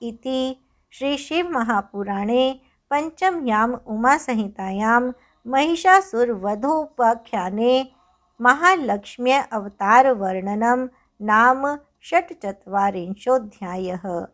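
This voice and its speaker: Slow, solemn woman reading scripture. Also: a little high, expressive, a bit bright, lo-fi sound. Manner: measured, solemn recitation. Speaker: devotional scripture reader.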